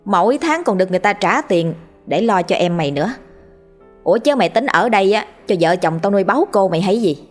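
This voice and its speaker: A woman with a Southern Vietnamese accent voicing a harsh rural mother who scolds her daughter fast and sharply. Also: mid-range voice, lively intonation, faint music behind, lightly acted. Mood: scolding.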